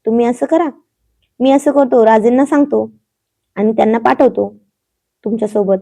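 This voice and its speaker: A woman's voice: on the high side, normal speed, creaky, dark tone. A woman voicing an older man, a fond but commanding head of the family.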